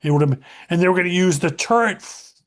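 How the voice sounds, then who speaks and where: A man's voice: high voice, animated, quick pace. A man hosting a casual history talk, rambling with many fillers and self-corrections.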